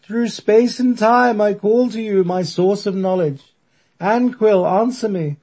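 Here is a commanding elderly woman medium in a spoken story. She calls out in a loud, high, drawn-out voice, as a man puts her on. The tone is husky and mellow. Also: animated. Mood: calling out.

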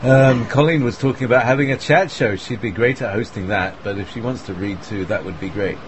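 A man hosts an online group voice call, chatting in a wandering, casual way with fillers and small laughs. His lowish voice moves fairly quickly. The recording is low quality, with clear background noise.

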